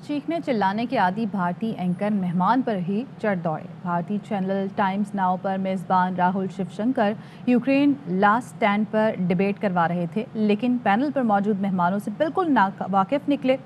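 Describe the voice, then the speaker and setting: A female news anchor reading headlines in a steady, formal manner. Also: mid-range voice, normal speed, muffled recording, slight background noise.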